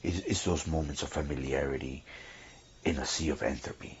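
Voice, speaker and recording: A man's voice: a bass voice, steady tone, fairly quick, lo-fi sound, a little hiss or hum. A man giving casual, joking gameplay commentary, swearing freely. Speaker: let's play commentator.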